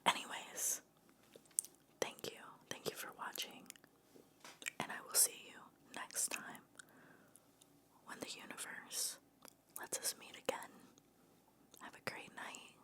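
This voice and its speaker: A woman hosting her own show, whispering softly for ASMR with tasting and eating sounds and playful asides, close to the microphone. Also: slow pace, pauses often. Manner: playful, self-mocking asides.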